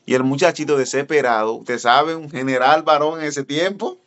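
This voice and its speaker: A man, an evangelist telling a story in a sermon and speaking straight to his listeners. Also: normal speed. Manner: animated, addresses listeners directly, voice jumps high when excited. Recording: dull lo-fi recording.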